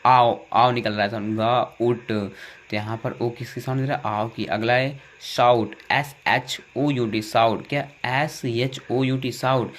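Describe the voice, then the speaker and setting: A man's voice: medium pitch, steady tone, unhurried, hardly any pauses, a bit bright, a little hiss or hum. Man with a Hindi accent, drilling sounds. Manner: repetitive call-and-response drilling, asks and answers himself. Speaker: English teacher. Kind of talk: lesson on English vowel sounds.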